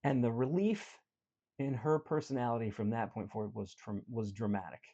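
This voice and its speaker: At a normal speed and with a mid-range voice, a man tells a story from his work as a life coach, captured with lo-fi sound. His motivational talk is earnest and direct, shifting between animated and quiet passages.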